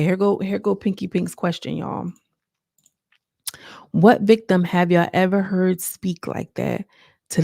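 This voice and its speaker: A woman's voice: lowish voice, gravelly, darkish tone, no room sound, studio quality. A woman casually recapping a reality show for her viewers, chatty and gossipy, talking straight to her audience. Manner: chatty, addresses audience as y'all and girl, trailing restarts.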